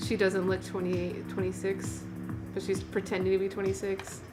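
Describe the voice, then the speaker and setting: A woman in her late thirties runs a casual livestream, clear music audible behind her. Her pitch is average for a woman, her pace moderate, and her delivery completely flat as she rambles informally, full of "like" and exclamations, replying to viewers.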